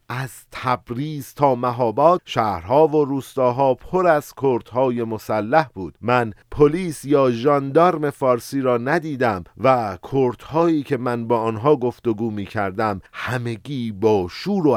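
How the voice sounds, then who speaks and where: A man's voice: medium pitch, no room sound, clean studio sound. A man with an Iranian Persian accent hosting a history podcast, explaining things in a conversational way and speaking directly to listeners. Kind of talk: explanatory narration with casual asides.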